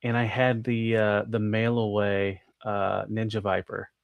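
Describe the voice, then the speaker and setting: A man's voice: lowish voice, flat delivery, measured pace, creaky, no room sound, highs cut off. An American man, a guest on a podcast, chatting in a rambling way full of "like" and restarts. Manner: rambling, filler-heavy with many restarts. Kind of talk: casual chat.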